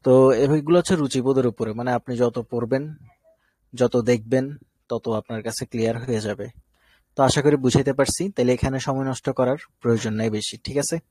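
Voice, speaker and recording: A man's voice: mid-range voice, darkish tone, slightly rough, dry recording. A man from Bangladesh teaching an online Arabic class, explaining step by step and often checking that students follow. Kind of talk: live online class lecture.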